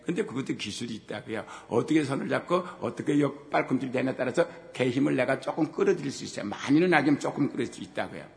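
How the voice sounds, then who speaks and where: A middle-aged male pastor giving a sermon, telling personal stories. He acts out dialogue and swings between loud exhortation and quiet asides. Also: medium pitch, expressive, fast, gravelly, few pauses. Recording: long hall reverb.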